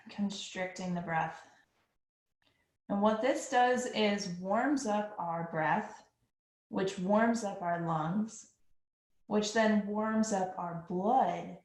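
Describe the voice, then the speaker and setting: In a room with a noticeable echo, a female yoga instructor guides a breathing practice. Her middle-pitched voice is slow, calm and soothing, never hurried.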